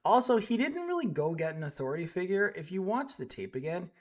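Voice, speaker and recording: A man's voice: sits high, big pitch swings, a little fast. A man giving live stream commentary as he reacts to clips, indignant and sarcastic, rambling with frequent restarts.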